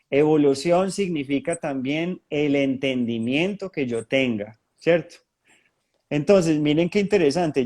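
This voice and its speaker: Guy w a fairly high voice telling hypnosis stories to a crowd, animated, keeps restarting. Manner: animated storytelling with frequent restarts. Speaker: spiritist talk speaker and hypnotherapist. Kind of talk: testimonial talk to an audience.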